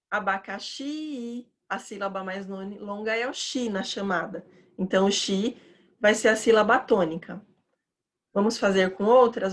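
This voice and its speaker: A woman with a chatty, opinionated manner, teaching teachers in an educational video and stretching words out as she demonstrates them. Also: mid-range voice. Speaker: teacher trainer.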